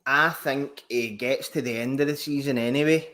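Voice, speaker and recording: A Scottish man chatting as a guest on a football podcast, joking, swearing and laughing often. His voice sits at a middling pitch. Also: steady tone, moderate pace, bright, forceful tone. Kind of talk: casual football banter.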